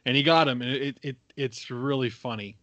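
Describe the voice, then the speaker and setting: A man's voice: mid-range voice, fairly even intonation, normal speed, fairly bright tone, no echo, muffled recording. Chatty man recommending a movie, dry sound. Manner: chatty, rambling with fillers and restarts. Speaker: podcast co-host. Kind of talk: casual chat.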